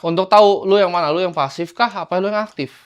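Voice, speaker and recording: Man, fairly high voice, casual investing teacher, chops lines into short bursts. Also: fast talker, clean tone. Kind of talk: casual lecture over slides.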